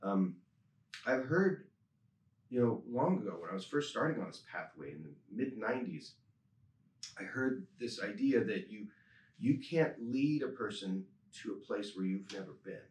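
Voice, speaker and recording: A chiropractor in his fifties is interviewed in an office with a desk and a skeleton model, speaking calmly and earnestly, repeating phrases for emphasis in reflective talk. His voice is on the low side at normal speed. A desk microphone on a stand sits a bit distant, giving roomy office sound with a little hiss or hum.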